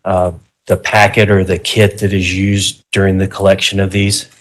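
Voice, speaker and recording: A man's voice: sits low, monotone, moderate pace. A man questioning a witness in court as a defense attorney, in a conversational, informal way. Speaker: defense attorney cross-examining.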